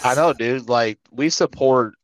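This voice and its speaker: A man's voice: medium pitch, a little slow, dry recording, poor audio. A man co-hosting a casual wrestling podcast, joking and teasing the others. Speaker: podcast co-host.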